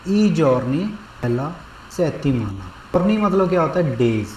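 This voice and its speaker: A man teaching a class, speaking slowly, repeating each word and checking that students follow. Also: a little high, big pitch swings, a little mellow. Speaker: language teacher. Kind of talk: classroom lesson. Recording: roomy, distant mic, faint background noise.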